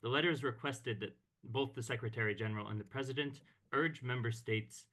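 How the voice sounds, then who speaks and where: Man, bright voice, formal measured speech, video-call microphone. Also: medium pitch. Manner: formal, measured delivery with occasional hesitations. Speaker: executive director of a peace organization. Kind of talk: online meeting speech. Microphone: computer mic on a video call.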